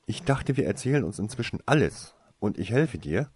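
A man's voice: on the low side, big pitch swings, measured pace, dark tone, a little hiss or hum, voice pushed up. A man voicing a curious, insistent young witch girl in a fantasy storybook, talking in a pushy, scolding way.

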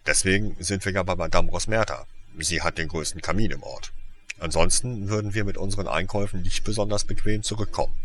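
A man voicing a huge, gruff but kindly male half-giant gamekeeper in an audiobook reading, with folksy clipped colloquial speech. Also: low voice, a little fast, fairly bright tone, a little hiss or hum. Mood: reassuring.

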